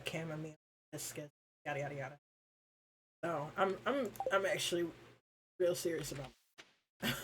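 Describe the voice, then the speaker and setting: A woman on a live stream, talking to her viewers in a loose, rambling way full of "um" and "like", with a fairly low voice. There's clear noise and clicking in the background of the recording. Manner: rambling and informal, with frequent fillers and swearing.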